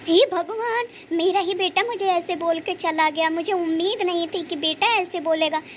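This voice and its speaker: A woman's voice: sits high, brisk, a bit bright, slight background noise. A woman voicing an emotional, pious mother-in-law who prays aloud and heaps praise on her daughter-in-law in a cartoon story. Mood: upset.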